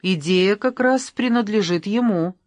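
A woman's voice: medium pitch, a little slow, no echo, voice pushed up, close to an everyday voice. A reader voicing Tatiana, a bubbly young woman who teases her sister about her engagement. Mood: teasing. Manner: teasing, bubbly. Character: giddy young woman in love, playful.

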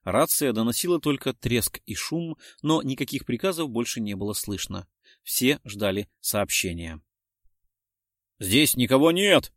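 A man's voice: medium pitch, expressive, moderate pace, no room sound. Male audiobook narrator, dry close sound. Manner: dramatic storytelling.

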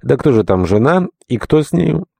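A man's voice: medium pitch, sing-song, normal speed, vocal fry, warm tone, breathy edge, no room sound, studio quality, voice pushed up, exaggerated voice. A man voicing a cheerful official in an audiobook reading, asking breezy, jovial questions.

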